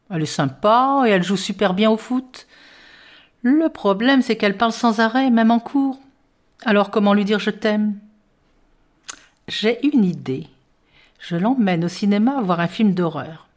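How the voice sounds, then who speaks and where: Speaking at a medium pitch, she tells a kids' story in the voice of a little boy, using "I" throughout. Her reading is lively and full of fun.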